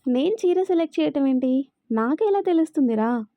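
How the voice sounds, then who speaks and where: A woman's voice: sits high, expressive, a little fast, mellow, no echo. A woman voicing a stressed, exasperated young man. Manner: tense, exasperated. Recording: dry, slightly dull recording.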